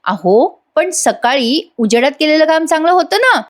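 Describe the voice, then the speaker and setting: A woman voicing a young wife who gently scolds and teases her husband, in a recap voice-over. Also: high-pitched, big pitch swings, moderate pace, voice pushed up. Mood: teasing. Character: young wife, sweetly lecturing. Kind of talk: recap voice-over reading of a soap scene.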